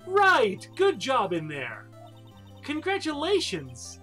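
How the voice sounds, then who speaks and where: A man voicing a confident female lawyer mentor from a video game, his voice pushed higher in a light, teasing way. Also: huge pitch swings, slow, pushed and bright, soft background music, exaggerated voice. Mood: upbeat.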